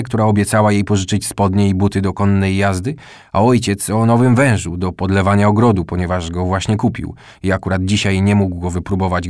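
A man reading a children's story aloud in calm, scripted narration. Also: sits low, no room sound, clean studio sound. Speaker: audiobook narrator.

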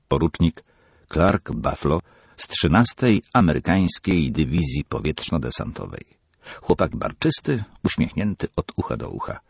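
An expressive male audiobook narrator with a very low, husky, gravelly voice. His delivery is animated and full of emphasis, recorded dry and close. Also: no room sound. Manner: expressive storytelling with lively emphasis. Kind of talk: scripted narration.

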